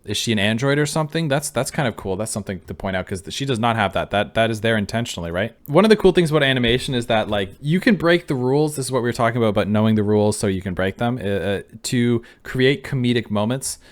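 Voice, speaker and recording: A man's voice: mid-range voice, animated, fast, hardly any pauses. A man giving casual reaction commentary, musing and thinking aloud as he goes. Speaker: video reactor. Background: faint music.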